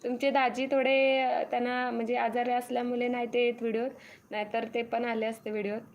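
A woman's voice: on the high side, flat delivery, brisk, a little hiss or hum. A young woman hosting a casual live stream from her farm home, reading viewers' comments aloud and thanking each by name. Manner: greets viewers one by one, reads comments aloud, repeats thanks. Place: farm home with cattle shed nearby.

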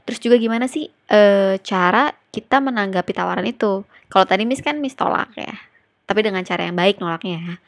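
A woman's voice: medium pitch, brisk, no room sound. A young adult woman teaching an English lesson in a chatty, casual way, slipping English phrases into her explanations.

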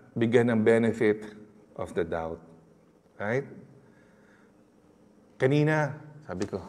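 Filipino pastor preaching in a reverberant hall. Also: male voice, medium pitch. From Philippines. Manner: mixes English into Tagalog, chatty storytelling with laughs and audience questions. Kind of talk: sermon.

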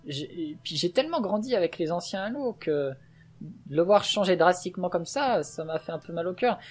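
A man's voice: high voice, lively intonation, normal speed. A man hosting a let's play, talking in casual gaming chat, passionate and opinionated, going off on a rant.

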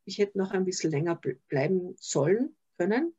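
She has a fairly low, mellow, husky voice with big pitch swings and a moderate pace. The older woman, an Austrian-accented social worker, is an interview guest on a video call, pondering and hesitating as she restarts frequently. Sound quality is slightly dull.

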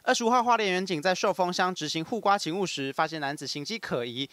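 A man's voice: high voice, lively intonation, fast, fairly bright tone, dry recording. A Taiwanese man reading scripted television news narration as a reporter.

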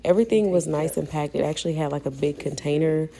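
A woman's voice: low voice, quick pace, gravelly, a crowd in the background. A young adult woman narrating her vlog in a chatty, friendly way, talking to her viewers as y'all while she shows a setup. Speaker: vlogger and hairstylist. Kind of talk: casual voice-over vlog narration.

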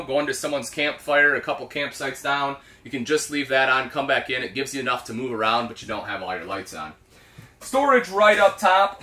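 Chatty guy in his 30s showing off an rv inside a small trailer, bright voice, lots of "you know". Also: a little high. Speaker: RV product specialist. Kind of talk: walkthrough product review.

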